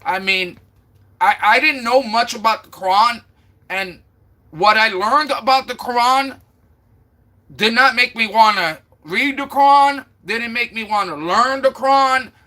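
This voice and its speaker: A man from Florida hosts a casual live stream, his voice high and very bright. He talks at an unhurried pace, repeating and sounding out viewers' names as he chats. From Florida, USA. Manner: chatty, sounds out names from chat again and again.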